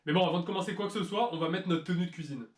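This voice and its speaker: High-voiced and racing along, a man narrates a cooking video in an echoey room. He's the channel's host, covering history and ingredients with playful teasing and mock-serious gags.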